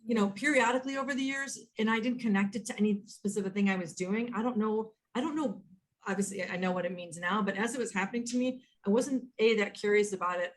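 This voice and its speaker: A woman in her fifties, a podcast guest telling stories in an animated way, often quoting herself and restarting sentences, over a video call. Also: mid-range voice, quick pace. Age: 50s. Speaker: guest, author and entrepreneur. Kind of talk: conversational storytelling.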